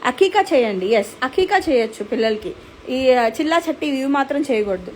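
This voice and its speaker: Young woman host, Telugu accent, high-pitched, casual earnest chat, phone mic, slight background hum. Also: expressive, normal speed, darkish tone, poor audio. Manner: earnest, conversational, with code-switching to English. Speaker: host reading viewer comments.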